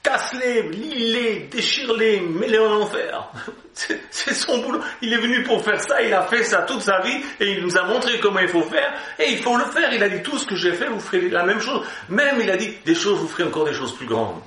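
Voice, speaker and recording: A man's voice: high-pitched, expressive, moderate pace, sharp tone. A man preaching an Easter sermon, exhorting his listeners and breaking into joking asides. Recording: roomy hall echo.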